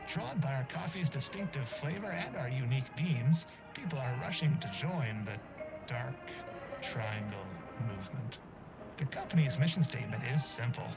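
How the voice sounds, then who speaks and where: A male actor as a corporate orientation video narrator from a video game, polished and grandiose with cultish zeal. His mid-pitched scripted narration sits under very loud music. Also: lightly acted, rough recording.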